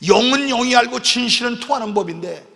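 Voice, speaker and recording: A man's voice: extremely high pitch, lively intonation, quick pace, vocal fry, bright, forceful tone. A man preaching an emotional revival sermon, telling stories, acting out dialogue, and often checking in with a questioning "eh?". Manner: acts out dialogue voices while telling stories. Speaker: pastor. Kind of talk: revival sermon with dramatic storytelling. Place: large church sanctuary at a revival meeting. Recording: long reverb of a large church hall.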